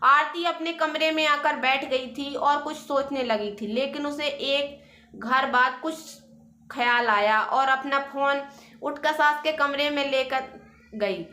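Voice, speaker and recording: A woman narrating a family drama story in a dramatic, expressive way. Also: sits high, takes it slowly, reverberant.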